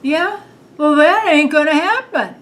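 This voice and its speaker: A wry, long-married wife who cuts her husband down with blunt, teasing remarks, played by an older woman. Her voice sits high and swoops widely, and she takes her time over each line. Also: lively intonation, unhurried, a bit bright, rough recording. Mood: dismissive. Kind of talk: film drama acting.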